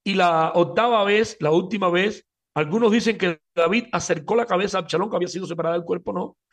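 A man's voice: sits high, quick pace. A man giving a Talmud class lecture as a religious teacher, emphatic, speaking straight to his listeners and often stumbling over repeated words.

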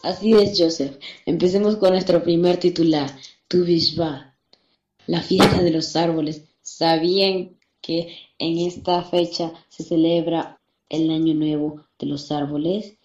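A woman's voice: fairly low pitch, steady tone, unhurried, a little mellow. A woman presenting a scripted newscast for children. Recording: dull lo-fi, roomy echo. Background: music.

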